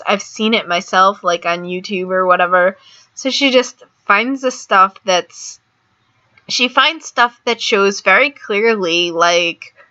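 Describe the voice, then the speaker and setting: A woman giving casual political commentary with sarcastic outbursts, slow rambling asides and many fillers like "um" and "like". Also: lowish voice, bright, forceful tone, muffled recording. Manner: frequent "like" and "um" fillers.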